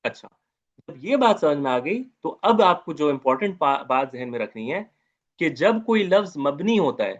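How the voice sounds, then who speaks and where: A man's voice: fairly high pitch, big pitch swings, moderate pace, dull audio. A man teaching an Arabic grammar lecture, repeating terms and asking his students questions as he goes.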